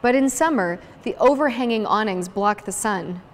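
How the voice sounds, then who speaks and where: A woman's voice: medium pitch, expressive, normal speed. A woman host presenting a scripted segment, her voice echoing in a large indoor lecture hall. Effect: echo of a big hall. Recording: long hall reverb, faint music.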